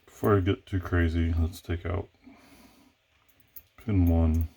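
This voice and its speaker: Working on a lock, a man mutters his way through the job in a very low, gravelly, mellow voice. He speaks slowly with fairly even intonation, thinking aloud hesitantly, often starting over or fixing what he says partway through.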